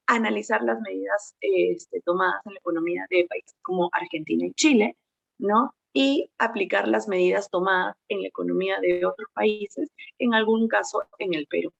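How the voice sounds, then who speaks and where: A woman's voice: medium pitch, vocal fry, slightly rough. A 29-year-old woman presenting a class project, often adding "¿no?" and "este" as she explains. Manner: explains with tag questions "¿no?" and "este" fillers. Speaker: student presenter. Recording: dull, dry lo-fi audio.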